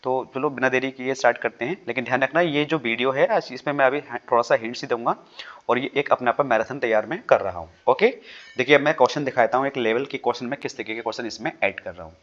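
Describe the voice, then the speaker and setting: A man's voice: medium pitch, quick pace, a bit bright, lo-fi sound. A man teaching English literature exam questions, explaining each answer step by step with worked examples and often checking in with his students. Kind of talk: exam-prep lesson on a YouTube channel. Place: home desk, recording over a screen with a drawing tablet.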